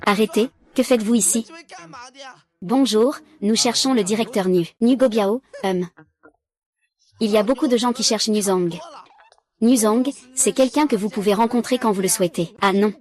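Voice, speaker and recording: A woman voicing all the roles of a drama series in one even, unchanging reading voice. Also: medium pitch, moderate pace. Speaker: voice-over dubber. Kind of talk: single-voice dub of a drama series.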